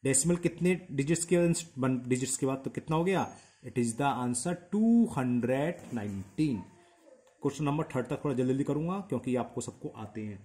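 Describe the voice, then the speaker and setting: A man's voice: mid-range voice, moderate pace, mellow. A man working through textbook maths exercises aloud as a teacher, counting decimal places and checking in with his students.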